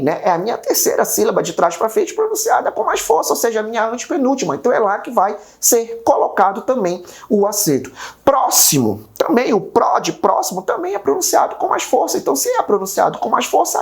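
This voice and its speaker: Lively Brazilian woman teaching grammar. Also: fairly high pitch, brisk, few pauses. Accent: Brazilian Portuguese. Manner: upbeat, repeats rules in sing-song chants. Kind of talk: online grammar lesson.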